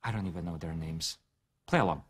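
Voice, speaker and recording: A man's voice: low-pitched, a little fast, husky. A man presenting a product launch in a scripted, joking way, full of playful self-mocking asides.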